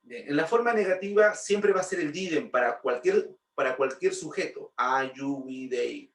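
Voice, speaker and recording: This grammar teacher has a rather high, expressive voice and speaks at a moderate pace, captured far from the mic in a roomy space. He explains English grammar patiently, repeating points and asking rhetorical questions.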